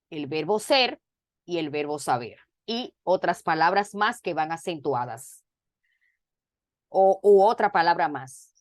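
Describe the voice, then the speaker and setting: A woman from the Dominican Republic teaching a grammar lesson over a video call, talking deliberately and repeating her phrases. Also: medium pitch, no echo, studio quality.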